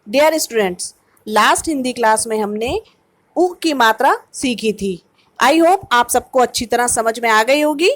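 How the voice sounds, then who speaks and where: This primary school teacher's voice sits on the high side, a bit bright and a little slow. She is leading an online kindergarten lesson, breaking words into syllables with patience.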